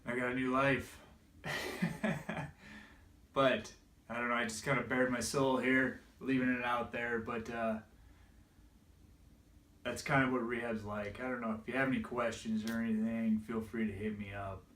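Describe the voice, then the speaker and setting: A man's voice: medium pitch, little pitch movement, moderate pace, long pauses, a bit bright. A man telling an emotional personal story, tearful and laughing through it, his voice breaking. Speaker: vlogger. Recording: roomy echo, distant from mic.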